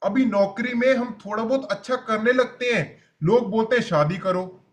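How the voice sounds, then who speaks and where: A man's voice: very high voice, fairly even intonation, normal speed. A man coaching a live group session on health, blunt and repetitive, speaking straight to his listeners.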